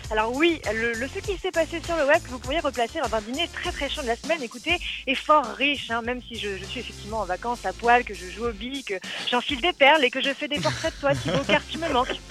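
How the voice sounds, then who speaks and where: A woman's voice: sits high, animated, fairly bright tone, faint music behind. A woman giving a playful, teasing web news column on radio, joking as she talks. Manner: playful, teasing, quick talk with laughs.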